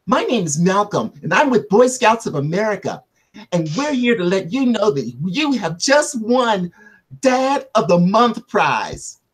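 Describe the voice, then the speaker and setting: Guy doing a peppy high boy scout, salesy, husky voice. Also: big pitch swings, measured pace, full character voice. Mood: chirpy pitch. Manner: chirpy sales pitch.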